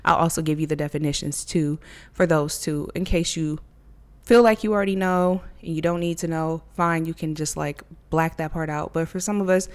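Chatty young woman, candid podcast talk. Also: on the low side. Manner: chatty and candid, curses freely, laughs often. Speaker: podcast host. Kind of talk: casual solo podcast talk. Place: living room at home. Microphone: handheld mic.

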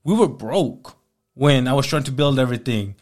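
A man's voice: medium pitch, moderate pace, faint music behind. A man in his thirties telling his life story as an interview guest, casually and with lots of acted-out dialogue. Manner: animated, acts out quoted dialogue.

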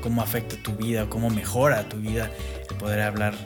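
A man's voice: lowish voice, monotone, brisk, over music. A bilingual man with a Mexican accent, native in English and Spanish, co-hosting a casual podcast. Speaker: podcast co-host.

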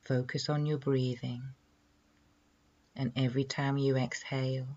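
A man leading a guided relaxation in a slow, soothing hypnotist's manner, measured and full of pauses. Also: mid-range voice, little pitch movement, a little mellow, lo-fi sound.

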